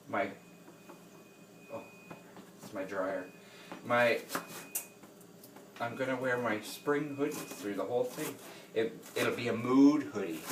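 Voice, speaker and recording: A man chatting casually while he cooks in his home kitchen, rambling and self-deprecating and laughing often. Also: mid-range voice. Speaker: home cooking vlogger. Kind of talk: casual chatty cooking vlog. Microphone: camera across the kitchen. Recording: echoey kitchen, distant camera mic, background noise.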